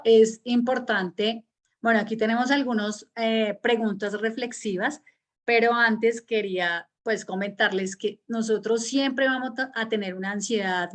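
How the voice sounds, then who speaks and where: A woman with a Colombian accent teaching an online public speaking workshop over a video call, conversational and encouraging, with many fillers. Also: medium pitch. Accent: Colombian Spanish.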